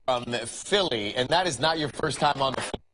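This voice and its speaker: A man co-hosting a morning talk show, upbeat and quick with presenter patter. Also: mid-range voice, expressive, background noise.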